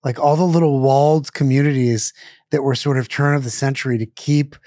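Speaking fairly quickly with fairly even intonation, the man, a middle-aged chef, gives a casual interview full of fillers, restarts and self-corrections. Born in Israel and raised in Pittsburgh, he has a warm, medium-pitched voice, captured dry at studio quality.

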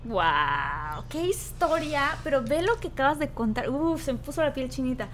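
A woman's voice: high voice, expressive, moderate pace, a bit bright, a little hiss or hum. A woman with a Mexican accent hosting a casual chat, reacting with enthusiastic exclamations. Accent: Mexican Spanish.

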